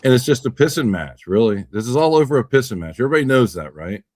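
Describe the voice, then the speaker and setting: A man's voice: medium pitch, big pitch swings, fast talker, a little mellow, dry recording. A man hosting a casual talk show, rambling with repeated words and swearing when riled. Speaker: podcast host. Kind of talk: casual political chat.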